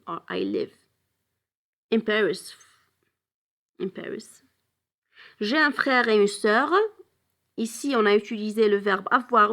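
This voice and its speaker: A woman teaching a bilingual language lesson. She explains slowly, moves back and forth between French and English, and often pauses with hesitation fillers. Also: mid-range voice, fairly bright tone.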